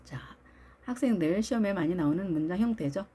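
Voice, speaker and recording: Korean woman teaching English words, mellow voice. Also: fairly low pitch, expressive, husky. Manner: patient, slow drilling of English phrases with frequent "자". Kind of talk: video lesson explaining pronunciation.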